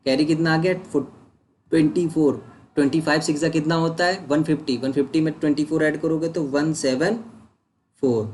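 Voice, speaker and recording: A man's voice: a little high, a little mellow, slight background noise. A man teaching a maths lesson online, working through sums step by step, asking questions and answering them himself, mixing English words into his talk. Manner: mixes English words into Hindi. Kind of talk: online doubt-solving lesson.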